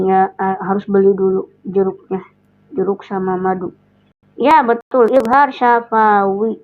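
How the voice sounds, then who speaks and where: A hoarse woman with a Sundanese accent teaching Quran recitation rules on a live stream, drawing out each recited example. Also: mid-range voice, fairly even intonation. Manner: slow, drawn-out explanation with recited examples. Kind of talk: live-streamed tajwid lesson. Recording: tinny phone-line sound.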